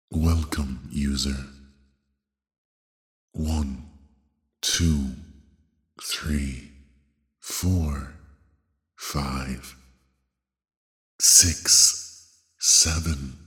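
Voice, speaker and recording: A man voicing an ominous computer AI that makes slow, flat machine announcements, with long hall reverb. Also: a bass voice, full character voice. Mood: calm. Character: ominous booming male AI computer.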